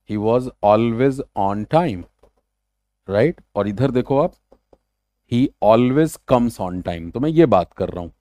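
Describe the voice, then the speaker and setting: Male grammar tutor for an exam-prep lesson. Chatty, with slow, careful English lines. Warm, mellow voice, dry close recording. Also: mid-range voice, no echo. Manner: casual, chatty explaining that mixes Hindi with slow, deliberate English.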